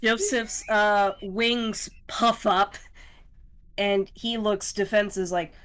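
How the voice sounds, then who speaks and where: A woman's voice: mid-range voice, steady tone, takes it slowly, a bit bright, clean tone, poor audio. A woman narrating a tabletop game as dungeon master, often breaking into laughter.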